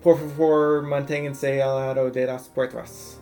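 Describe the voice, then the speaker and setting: Brief: a formal train station announcement for monorail doors, gravelly and measured, put on by a man in casual chat. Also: mid-range voice, little pitch movement, warm tone, soft background music, close to an everyday voice. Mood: announcing. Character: male monorail door announcer, calm and formal.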